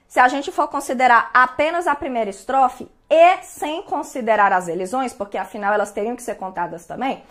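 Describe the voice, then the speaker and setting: A woman's voice: fairly high pitch, a bit bright. A woman with a Brazilian Portuguese accent, teaching an online exam-prep lesson in a chatty way and checking in often with her students. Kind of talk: online lesson, going over exam answers.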